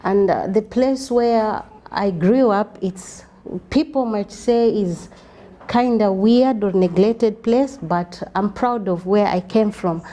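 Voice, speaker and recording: A woman's voice: mid-range voice, takes it slowly, dark tone. A Kenyan woman in her thirties, a guest on a talk show, telling her story earnestly with a few Swahili words mixed in. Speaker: guest, community organization founder.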